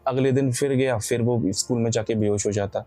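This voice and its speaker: A man's voice: medium pitch, fairly even intonation, brisk, mellow. A man casually telling a horror story, rambling and correcting himself with frequent filler asides. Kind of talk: casual spoken horror narration.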